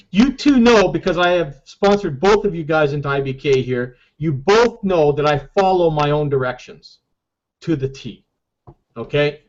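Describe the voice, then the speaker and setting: A man leading a casual group call as a marketing team leader, emphatic and repeating "okay?" often, over dull lo-fi call audio. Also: fairly high pitch.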